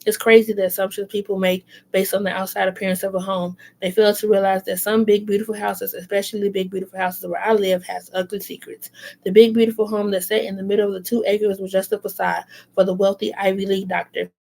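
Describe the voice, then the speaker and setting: A woman's voice: medium pitch, little pitch movement, quick pace, creaky, a little mellow. A woman voicing a hardened female inmate near forty, with a Baltimore accent, sly and taunting. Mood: resigned. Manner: sly, taunting, then resigned.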